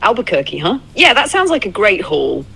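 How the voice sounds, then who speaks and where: A synthetic woman's voice plays an easygoing, upbeat travel companion in casual roleplay chat, sounding conversational, reflective and encouraging. The voice is mid-range and fairly bright yet husky, with vocal fry, big pitch swings and a brisk pace. Music plays behind it.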